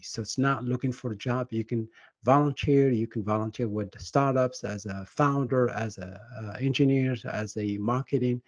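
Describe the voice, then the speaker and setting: A middle-aged man from Morocco with a Moroccan accent, giving a webinar talk as a project management coach in an earnest, halting way full of fillers and restarts. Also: medium pitch, a little mellow, no echo. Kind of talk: webinar presentation.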